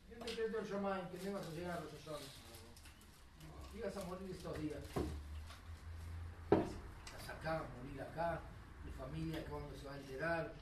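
A man voicing a stern elderly rabbinic leader who speaks in a grave, measured way. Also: a little high, voice pushed down, close to an everyday voice. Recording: roomy, distant and noisy.

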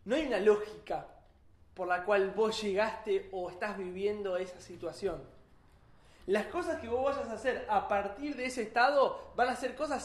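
A man with a Rioplatense Spanish accent teaching a Torah class, explaining ideas and asking the students questions. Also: sits high. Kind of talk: religious class. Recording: echoey room.

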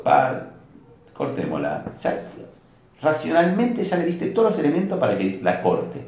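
Animated Argentine man teaching in an echoey room. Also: on the low side. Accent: Argentine Spanish. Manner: storytelling with rhetorical questions, animated. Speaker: rabbi teaching a class. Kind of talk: religious lecture.

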